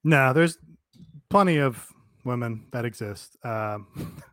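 A man's voice: medium pitch, lively intonation, slow pace, a bit bright, dry recording. Laid-back male podcast co-host, dry sound. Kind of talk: casual chat.

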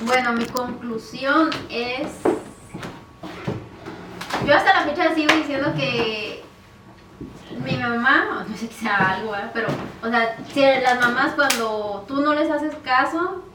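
A woman telling a story in casual podcast chat, animated, acting out family voices and laughing often. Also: a little high, a little slow, noisy background.

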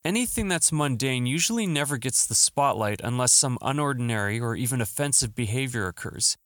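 Still hoarse after the flu, a podcast host talks alone from his home studio in an upbeat, earnest way. He sounds animated and brisk, with a medium-pitched, fairly bright voice and no echo.

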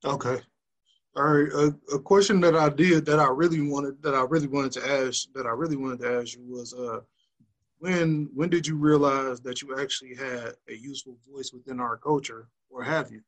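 A man asks questions in a casual, halting way, repeating himself as he gets to the point. His voice sits at an average middle pitch and sounds easygoing. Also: steady tone. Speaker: guest interviewer. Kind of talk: casual interview conversation.

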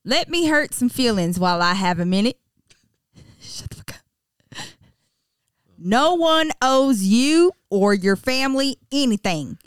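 A woman voicing a blunt, harsh male small-town mayor in a put-on Texan accent, lecturing slowly and sternly. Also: on the high side, smooth, no room sound, studio quality.

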